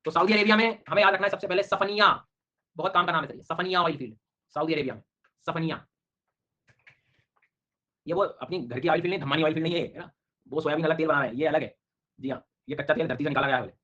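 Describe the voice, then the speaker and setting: A man's voice: on the high side, quick pace, long pauses, bright, forceful tone. A middle-aged male teacher giving an online exam-prep lecture, teasing his students with jokes while drilling names over and over. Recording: dull lo-fi online class audio.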